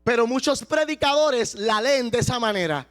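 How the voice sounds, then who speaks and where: A pastor preaching a sermon with passion, at times slowing down and shouting for emphasis. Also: male voice, very high-pitched, animated.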